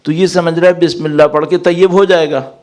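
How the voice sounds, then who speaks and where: A man giving a sermon as a cleric, explaining verses and asking his listeners rhetorical questions. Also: a little high. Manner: lively, rising sharply when reciting Arabic verses; asks the audience rhetorical questions. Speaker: Shia cleric.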